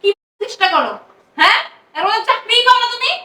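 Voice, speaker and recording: An actress playing a sharp-tongued middle-aged mother-in-law who scolds shrilly. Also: extremely high pitch, very animated, racing. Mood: scolding. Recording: roomy, distant, noisy.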